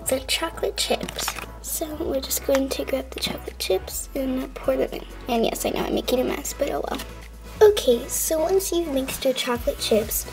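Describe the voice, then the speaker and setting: A woman voicing a cheerful female pink lamb toy hosting a cooking show, chatty and walking through each step with soft asides. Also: sits high, low-quality recording. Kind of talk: toy stop-motion cooking show voice-over.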